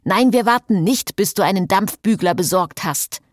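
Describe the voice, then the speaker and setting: A woman voicing an impatient man, a groom who scolds and curses loudly in an audiobook. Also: on the low side, sing-song, normal speed, no echo, studio quality. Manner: scolding, loud.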